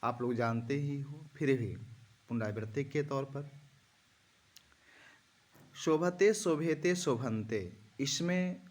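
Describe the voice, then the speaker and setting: A man teaching Sanskrit grammar, slowly reciting verb forms one after another and speaking directly to his students. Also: medium pitch, a little mellow. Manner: slow, measured recitation of lists, addressing students directly. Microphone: phone screen recording.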